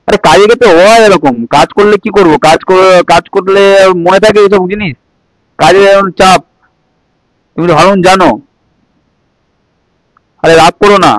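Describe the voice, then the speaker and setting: A man's voice: sits high, no echo, rough recording. A man, pleading and apologizing in a casual home vlog. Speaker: vlogger, husband.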